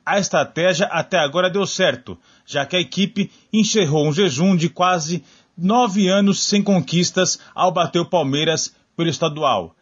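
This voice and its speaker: A man with a Brazilian accent reading a scripted sports report in an even, measured way. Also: high-pitched, husky, muffled recording.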